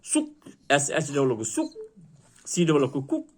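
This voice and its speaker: A man's voice: on the high side, huge pitch swings, normal speed, a little mellow, breathy edge. A man teaching English vocabulary to a class, drilling word meanings and asking students to repeat them.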